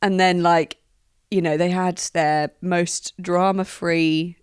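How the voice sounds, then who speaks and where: A woman's voice: lowish voice, steady tone, slow pace, clean tone, no echo, studio quality. A woman co-hosting a casual chat podcast, chatty and giggly, often acting out what others said. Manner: chatty, giggly, acts out quoted lines. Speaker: podcast co-host.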